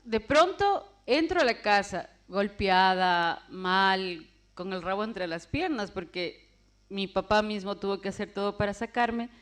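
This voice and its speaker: A woman's voice: mid-range voice, unhurried, a bit bright. A woman telling her personal testimony as a vivid story, acting out the voices of the people in it. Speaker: testimony speaker.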